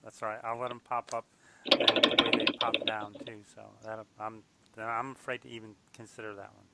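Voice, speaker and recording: A man hosting a podcast interview, upbeat and chatty, laughing often and restarting his sentences, a bit hoarse. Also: on the low side, level tone, normal speed, very noisy. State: losing his voice. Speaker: podcast host. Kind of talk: casual interview chat.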